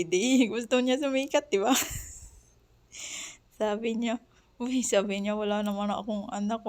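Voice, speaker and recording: A chatty woman with an Ilonggo accent recounts a conversation in a relaxed vlog, laughing often as she goes. She talks while chopping onions in her kitchen. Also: medium pitch. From Western Visayas, Philippines. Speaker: vlogger. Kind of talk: casual storytelling vlog.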